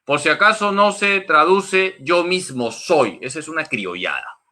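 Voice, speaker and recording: Priest man doing a bible class, slow and emphatic, keeps repeating his points, slightly high voice. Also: expressive, pushed and bright. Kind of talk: Bible teaching talk.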